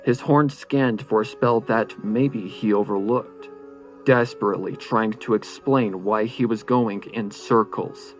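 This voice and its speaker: This man tells a horror fan-fiction story theatrically, building suspense in an unhurried way. His voice sits on the low side with fairly even intonation, over faint background music.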